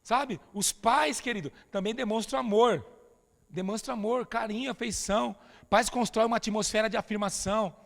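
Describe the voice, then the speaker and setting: A Brazilian man delivers an emphatic, familiar sermon, his voice set high and roughened by a gravelly edge. Long reverb from a church hall trails behind every phrase. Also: moderate pace. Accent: Brazilian Portuguese. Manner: emphatic, familiar, calls listeners "dear". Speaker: pastor.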